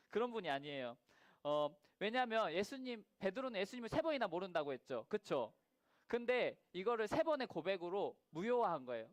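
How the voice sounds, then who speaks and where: A man with a high voice gives a children's sermon, acting out each character's lines and putting questions to the kids. The sound is dry and close, with no room echo. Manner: animated storyteller who acts out quoted lines and asks the children questions. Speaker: children's ministry preacher. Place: church worship room.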